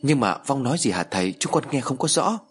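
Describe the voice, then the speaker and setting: Man doing a frightened young woman, pleading, stammering, husky. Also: mid-range voice, very animated, fast, voice pushed up. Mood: anxious.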